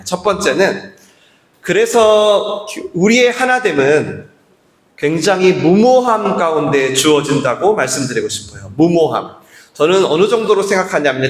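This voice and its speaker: A man preaching a sermon as pastor, chatting with the congregation and asking them questions. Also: a little high. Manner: conversational preaching with quoted voices and questions to the congregation. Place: church sanctuary. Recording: echoey church hall with long reverb.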